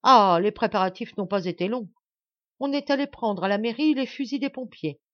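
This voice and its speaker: A woman's voice: on the high side, moderate pace, dry recording, close to an everyday voice. Woman reading as raging robust peasant lad, scornful, raised voice, dull dry recording. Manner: heated, scornful outburst. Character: angry young male peasant, robust and furious.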